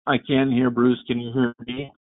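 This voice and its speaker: A man calling into a council meeting as a staff member, his audio breaking up and cutting out, speaking haltingly with many fillers. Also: medium pitch, level tone, no echo. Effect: remote call-in audio breaking up and cutting out. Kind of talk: remote meeting report. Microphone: phone or computer call-in. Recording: tinny phone-like call line, dry.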